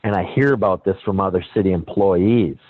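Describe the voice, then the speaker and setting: A man's voice: low-pitched, fairly quick, no room sound. A man calling in and telling a personal story, animatedly acting out what other people said. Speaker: caller. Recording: tinny phone line.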